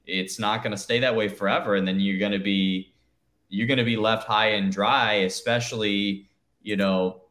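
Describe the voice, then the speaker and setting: A man's voice: on the low side, steady tone, moderate pace, fairly bright tone. A man co-hosting a casual chat, talking in a loose, rambling way full of "you know". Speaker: podcast co-host. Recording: echoey room.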